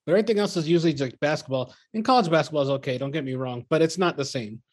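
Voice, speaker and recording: A man's voice: a little high, rapid-fire. A man co-hosting and moderating a sports podcast in informal, meandering casual chat.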